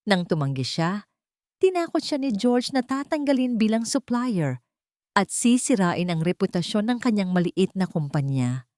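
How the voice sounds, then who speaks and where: A woman narrates a scripted dramatic story in a medium-pitched, slightly mellow voice with big pitch swings at normal speed. The recording is dry, with clean studio sound.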